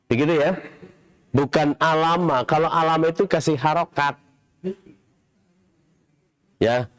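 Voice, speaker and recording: A middle-aged man giving a Quran commentary lecture in a large mosque, explaining slowly and quizzing his audience. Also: medium pitch. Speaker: mosque preacher.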